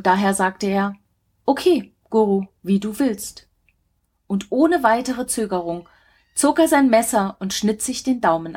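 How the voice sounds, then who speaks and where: A woman reading a mythological story aloud in a measured, dramatic narration. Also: fairly high pitch, darkish tone.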